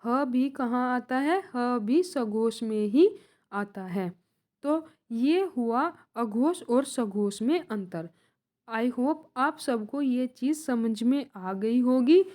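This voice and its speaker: Her voice is on the high side, expressive and dark in tone, as this young woman teaches grammar for exam prep. Going slowly, she repeats points through questions that she then answers herself.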